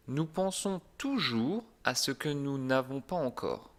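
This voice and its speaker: Slow, calm male language teacher. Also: medium pitch. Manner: calm, deliberate, clearly articulated. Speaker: French teacher. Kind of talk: scripted language lesson.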